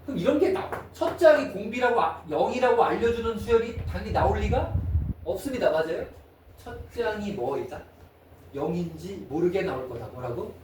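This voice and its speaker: A man teaching a math lesson in a classroom, constantly checking in with his students with quick questions. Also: high voice, lively intonation, a little mellow. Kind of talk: classroom lecture. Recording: echoey room, mic far off, faint noise.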